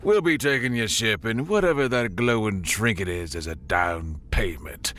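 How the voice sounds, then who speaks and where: A man's voice: lowish voice, animated, moderate pace, fairly bright tone, pitched above the performer's own voice. A man voicing a sleazy pirate captain full of false friendliness in a sci-fi audiobook. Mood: mocking. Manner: oily, mockingly friendly.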